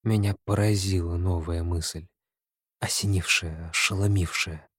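A man with a low, dark voice narrates a first-person audiobook in a measured, brooding way. The recording is dry and close, with no room echo. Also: steady tone, husky.

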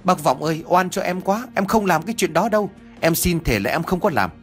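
A man's voice: high-pitched, animated, fairly quick, a bit bright, faint music behind, pitched above the performer's own voice. Guy doing a scared village man begging for mercy, voice jumps way up, teary. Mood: pleading. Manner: begging, tearful. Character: frightened male villager pleading innocence.

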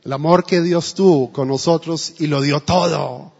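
A man's voice: on the high side, fairly even intonation, unhurried, creaky, a little mellow, breathy edge. A male pastor preaching a sermon in a church, telling a story and acting out the quotes. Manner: storytelling with acted quotes, emphatic. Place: church hall. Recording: dull, echoey church recording.

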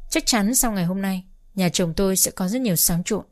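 A woman narrating a first-person family drama story in a steady, measured reading. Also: mid-range voice.

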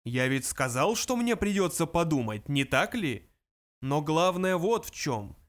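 A huge, self-assured supercomputer that speaks slowly and deliberately in a booming voice, as a man acts it in an audiobook. The voice sits a little high and fills every phrase with calm authority. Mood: measured.

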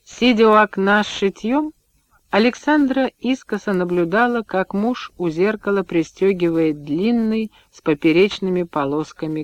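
A man narrating an audiobook in a measured, even reading, in a dull, dry recording. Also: sits high, no room sound. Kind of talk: scripted narration.

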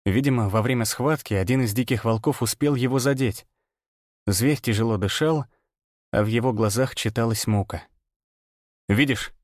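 A man tells a first-person story in measured, grim audiobook narration. His voice sits at a middle pitch, and the close mic sounds dry with no room around it. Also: a little mellow, dry recording.

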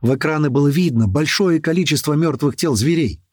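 A man doing lively first-person audiobook narration. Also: fairly high pitch, brisk, dry recording, studio quality. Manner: lively and expressive.

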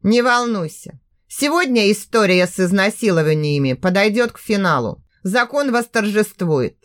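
A woman's voice: medium pitch, animated, moderate pace, close to an everyday voice. A woman voicing a ruthless middle-aged male police captain with a harsh, growling manner. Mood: cold.

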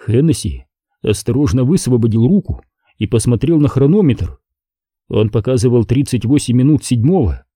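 Expressive male audiobook narrator. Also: mid-range voice, normal speed, slightly rough, no echo, studio quality. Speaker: audiobook reader. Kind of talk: scripted narration.

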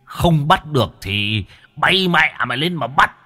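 A man's voice: on the high side, expressive, slow, bright, forceful tone, pitched above the performer's own voice, heavily acted. A man voicing a coarse, rowdy old male ghost from the underworld who heckles like a sports fan.

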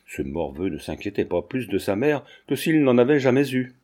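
A man with a mid-range voice narrates a 19th-century classic novel as an audiobook, reading a script in a steady, measured storytelling style.

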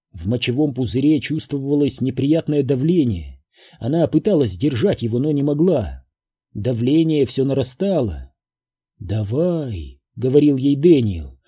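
Dark-voiced male horror narrator. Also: mid-range voice, husky. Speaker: audiobook narrator.

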